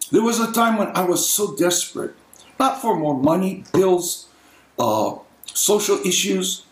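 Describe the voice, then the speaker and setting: A man's voice: high voice, reverberant, poor audio. A middle-aged male pastor preaching an impassioned, emphatic sermon.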